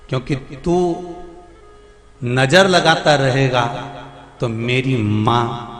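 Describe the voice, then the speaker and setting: Man preaching in an echoey hall. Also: mid-range voice. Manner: pleading, emphatic, rhetorical repetition. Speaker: katha preacher. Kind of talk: devotional sermon. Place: large hall, live event. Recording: echoey hall with music behind.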